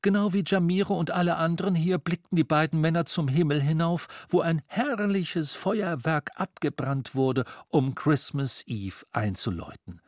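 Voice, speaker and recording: A man narrating a storybook in an expressive storytelling manner. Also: fairly high pitch, moderate pace, hardly any pauses, no echo, clean studio sound. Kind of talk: audiobook narration.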